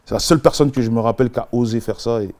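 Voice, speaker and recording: Man, interview guest, quick slangy storytelling, sound effects, animated. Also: mid-range voice. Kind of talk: casual storytelling in street slang.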